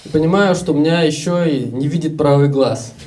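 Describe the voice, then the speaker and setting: A man's voice: fairly high pitch, a little fast, darkish tone, far from the mic. A young Russian man in his twenties telling stories casually in a stand-up comedy set, acting out the voices of other people. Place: live comedy show with audience.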